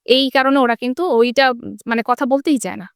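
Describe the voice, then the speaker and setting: Brief: woman teacher, fairly high smooth voice, dry close sound, explanatory, rhetorical questions. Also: steady tone, fairly quick, no echo. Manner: asks rhetorical questions, checks in with tag questions. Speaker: English teacher. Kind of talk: explanatory interview talk.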